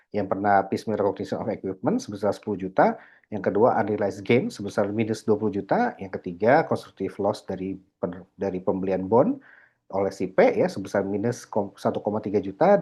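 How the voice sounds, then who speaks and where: In a screen-recorded lecture, a man walks students through a worked accounting problem on screen, explaining as he goes, peppering his talk with the fillers "nah" and "ya" and code-switching into English terms. His voice is lowish, darkish, and husky, captured on a dull lo-fi mic.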